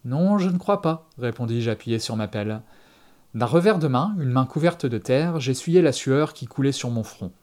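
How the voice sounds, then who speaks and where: A man reading a story aloud in the first person, with measured, steady audiobook narration. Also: medium pitch.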